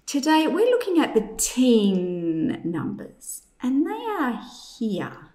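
A woman presents a lesson for young children in a slow, carefully enunciated voice. Her mid-pitched delivery moves up and down in an animated way as she instructs and asks simple questions. The room adds a noticeable echo. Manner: clearly enunciated, drawn-out number words, simple guiding questions. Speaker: teacher presenting a maths activity. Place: indoors in a room, demonstrating at a tabletop. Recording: echoey room.

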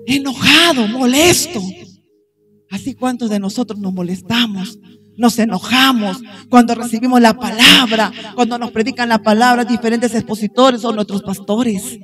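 A woman's voice: a little high, normal speed, fairly bright tone, faint music behind. A woman pastor preaching a sermon with passion, acting out the people she quotes.

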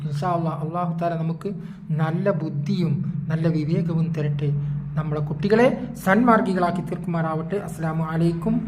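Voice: medium pitch, normal speed, background noise. A preacher gives a religious sermon with a moral story. The speaker talks emphatically, repeats phrases and asks the listeners rhetorical questions. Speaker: Islamic preacher.

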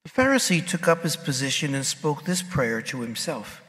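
A clergyman proclaiming the Gospel at Mass in a measured, solemn reading voice, heard in a cathedral echo. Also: fairly high pitch, very animated, a bit bright. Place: large church. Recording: long church reverb.

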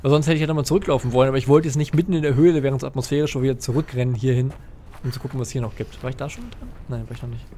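A young man giving casual, excitable gameplay commentary, thinking aloud and swearing often. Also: medium pitch, racing, slight background noise. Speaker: let's player.

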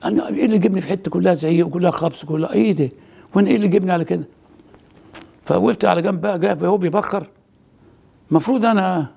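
An older priest with an Egyptian Arabic accent tells a story in a high, heavily gravelly voice. His speech is husky and rushes along very fast, stumbling into restarts and repeated words. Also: dark tone. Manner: rapid, halting retelling with many restarts and repeated words. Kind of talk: casual storytelling in a conversation.

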